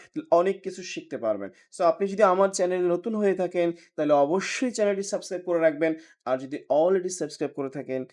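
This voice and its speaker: A man teaches an online spoken English lesson, with a voice that rises and falls a lot. He says each word several times, slowly, so students can copy the sounds. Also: sits high, darkish tone.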